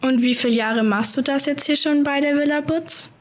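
Speaking at a moderate pace, a high-voiced woman conducts a friendly interview with short, polite questions. Her delivery is simple and tidy.

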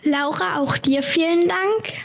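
A woman with a high voice co-hosts an interview and keeps her questions brief and polite. She speaks plainly. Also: unhurried, gravelly, a bit bright.

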